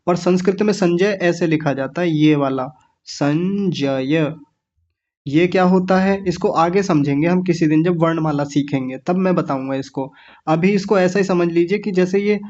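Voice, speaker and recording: A man teaching children how to pronounce Sanskrit words, patiently breaking each one into syllables and saying them very slowly. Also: high voice, a little mellow, dull audio. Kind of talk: online lesson for children.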